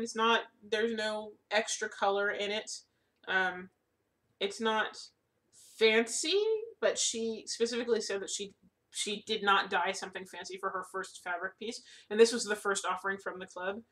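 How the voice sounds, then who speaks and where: A woman's voice: medium pitch, a bit bright, far from the mic. A woman vlogging casually about her craft supplies, rambling with lots of fillers and restarts, hiccuping now and then. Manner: chatty, many fillers and restarts. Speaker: cross-stitch vlogger. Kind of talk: casual rambling show-and-tell.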